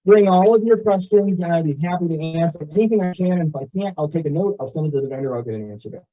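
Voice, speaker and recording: Slightly high and mellow, a man's voice explains an internet proposal he's presenting as a resident at a community meeting. He keeps it informal and conversational, using examples from everyday life, while the meeting recording stays muffled and dull.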